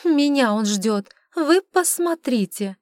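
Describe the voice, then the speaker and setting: A woman voicing a sharp-tongued, sarcastic witch in an audiobook, scolding and mocking. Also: a little high, expressive, a little slow, no room sound, voice pushed up. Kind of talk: audiobook character reading.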